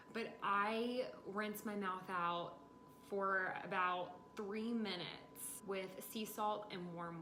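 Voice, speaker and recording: A woman in her twenties chatting casually to camera in a home kitchen, explaining things step by step, a little tired while recovering from dental surgery. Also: fairly low pitch. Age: 20s. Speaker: vlogger. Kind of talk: casual vlog chat to camera. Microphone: camera or phone a short distance away. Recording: echoey kitchen, clear background noise.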